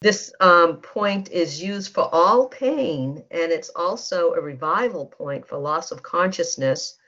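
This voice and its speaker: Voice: medium pitch, lively intonation, takes it slowly, bright, forceful tone. A facilitator leading a guided energy-healing session, speaking in a soothing way and prompting listeners to repeat statements. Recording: dull lo-fi teleconference line.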